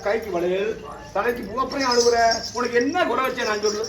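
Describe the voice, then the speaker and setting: A man from Tamil Nadu, a temple priest performing an exorcism, scolding and commanding the spirit, often shouting. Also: very high voice, fast talker. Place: temple, outdoors or open hall. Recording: echoey, distant mic, noisy.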